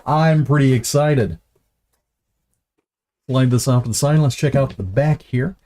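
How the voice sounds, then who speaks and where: A man's voice: medium pitch, measured pace, warm tone. A man unboxing gear on a live stream, chatty and self-mocking, stumbling over words and starting lines again.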